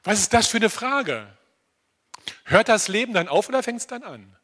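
An older man preaching a lively sermon to his congregation, often asking listeners directly whether they understand. He moves between loud, emphatic declarations and quiet asides, slowing down for key phrases. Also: high-pitched. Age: around 60. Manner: animated, addresses listeners directly with frequent "verstehst du?". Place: church congregation.

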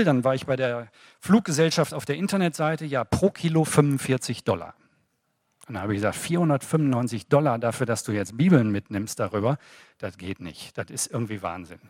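A man's voice: fairly high pitch, no echo. Man telling a faith story, dry sound. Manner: storytelling, quoting his own thoughts. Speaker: speaker giving a testimony. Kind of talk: personal faith testimony.

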